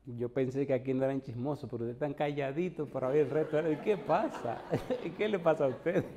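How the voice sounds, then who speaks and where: A man's voice: mid-range voice, a little fast, mellow, a little hiss or hum. A man preaching as a pastor, telling a long story and acting out the dialogue, in a church hall before an audience. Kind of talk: storytelling sermon.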